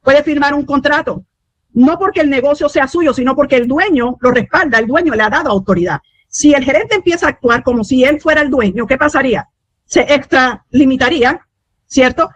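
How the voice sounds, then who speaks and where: Woman preacher, high voice, dry close sound, lots of eh and amen between points. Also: brisk, no room sound. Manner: fillers and restarts, frequent amen. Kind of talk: sermon teaching.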